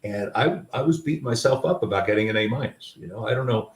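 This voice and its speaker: A man's voice: mid-range voice, fast talker, reverberant, distant mic. An older man and author, telling candid, self-deprecating personal stories in a reflective way, with many restarts. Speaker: author and guest.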